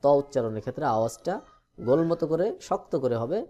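A man leads a recorded Quran lesson. He explains each letter calmly, with the patience of a teacher, and stretches out the drilled sounds in a steady, mid-range voice. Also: medium pitch, quick pace.

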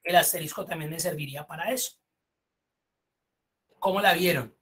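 A woman's voice: lowish voice, moderate pace. A woman teaching a spreadsheet course online, explaining step by step and praising her students.

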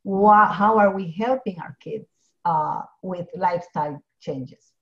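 A woman's voice: on the low side, unhurried. Earnest woman on dull call. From Ecuador. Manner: earnest, many restarts and fillers. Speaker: pharmacist guest. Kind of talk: video call interview. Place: home office with bookshelves. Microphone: video call. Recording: dull lo-fi video call audio.

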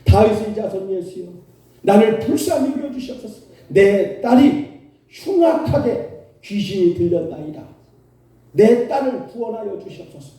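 A desperate, persistent mother pleads and cries out, voiced by a male pastor within his sermon. The voice rises high with lively swings, mellow and dark in tone. It rings with reverb from a distant mic in a church hall. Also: normal speed. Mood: pleading. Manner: pleading, crying out. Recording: echoey hall from far off.

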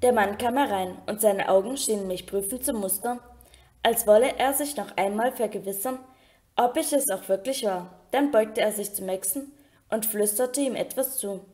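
A woman reading a novel aloud in unhurried first-person narration. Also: medium pitch, dark tone. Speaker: audiobook reader.

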